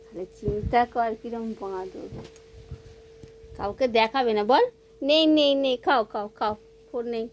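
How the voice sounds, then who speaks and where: A woman's voice: fairly high pitch, a little slow, pauses often, slight background noise. A woman filming her pet cat at home, coaxing it to eat in cooing baby talk. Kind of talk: casual home video.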